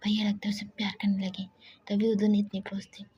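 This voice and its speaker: A woman voicing a jealous, possessive young man who talks in a brooding, low way. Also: monotone, fast talker, mellow, husky. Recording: dull lo-fi with faint hiss.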